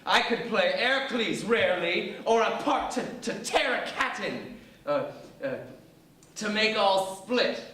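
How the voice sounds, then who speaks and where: A man's voice: sits high, animated, slow, bright, forceful tone, exaggerated voice. A man playing an eager show-off amateur actor, grandiose and hammy, in a Shakespeare stage comedy. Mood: eager, pompous. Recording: echoey hall, distant mic, faint noise.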